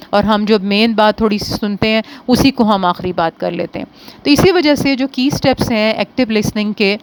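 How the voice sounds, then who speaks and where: A woman giving a training lecture on listening skills, switching between Urdu and English and speaking slowly and deliberately in English. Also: medium pitch, slight background noise, rough recording. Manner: slow and deliberate in English, quicker in Urdu, mixing both.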